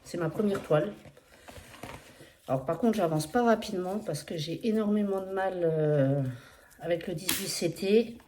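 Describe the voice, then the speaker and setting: A woman's voice: fairly low pitch, moderate pace, dark tone, a little hiss or hum. A woman with an accent in French, casually showing her cross-stitch projects in a hesitant, chatty, apologetic way with many fillers. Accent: non-standard accent in French. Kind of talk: casual flosstube progress update.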